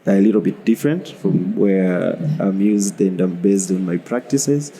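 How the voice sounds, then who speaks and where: Tanzanian guy, very deep voice, slow halting answers, faint noise. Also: warm tone. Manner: halting, many fillers. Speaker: guest anesthesiologist. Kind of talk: conference interview.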